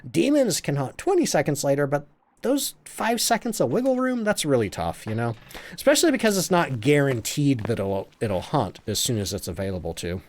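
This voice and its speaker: A man's voice: medium pitch, big pitch swings, normal speed, a little mellow. A man streaming a game live, chatting, reading viewer comments aloud and laughing often.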